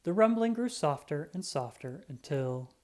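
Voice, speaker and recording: At normal speed and medium pitch, the reader voices a self-important cat detective telling the story of a children's picture book. Sound effects are performed as part of a dramatic, expressive reading.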